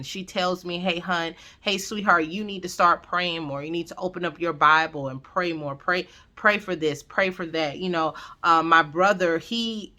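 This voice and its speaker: A woman's voice: fairly low pitch, bright, forceful tone. A woman with a Southern US country lilt gives casual, emphatic advice straight to viewers, repeating phrases for stress and checking in with listeners. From Southern United States. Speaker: vlogger giving family advice.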